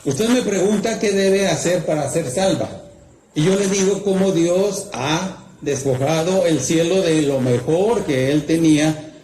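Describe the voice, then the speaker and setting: A man's voice: a little high, measured pace, darkish tone, lightly acted. A man voicing an impetuous evangelist who rebukes a sick woman sternly. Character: impetuous fiery male evangelist. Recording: roomy echo, faint background noise.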